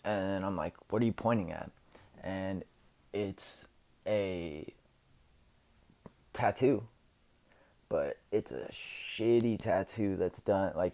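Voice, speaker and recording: Gravelly low-voiced man, rambling story. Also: warm tone. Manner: rambling, full of filler words and restarts. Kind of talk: casual storytelling vlog. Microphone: camera's built-in microphone.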